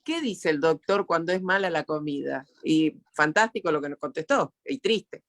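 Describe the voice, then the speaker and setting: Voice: medium pitch, expressive, moderate pace, a bit bright. An interview host with an Argentine accent, talking reflectively and emotionally, often repeating words. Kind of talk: casual interview talk.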